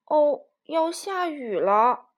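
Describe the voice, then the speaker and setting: A woman's voice: high-pitched, sing-song, extremely slow, highs cut off, heavily acted. A woman voicing a curious young chick who asks a lot of questions.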